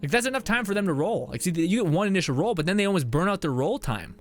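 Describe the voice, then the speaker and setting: Lively, laughing young man streaming a game. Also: high-pitched, fast talker, faint music behind. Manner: laughs often, rambling, reads chat aloud. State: out of breath at times. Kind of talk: casual live-stream commentary.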